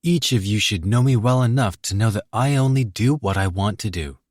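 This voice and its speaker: A man's voice: fairly low pitch, brisk, darkish tone, no room sound, studio quality, voice pushed up, lightly acted. A man voicing a defiant young woman from a mafia family in an audiobook, talking in a cool, defiant manner.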